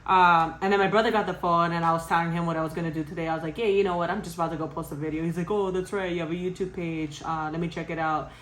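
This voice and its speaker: A young woman vlogger casually telling a spooky story to her viewers, animated and swearing, often laughing. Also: on the low side, racing, hardly any pauses, echoey room, slight background noise.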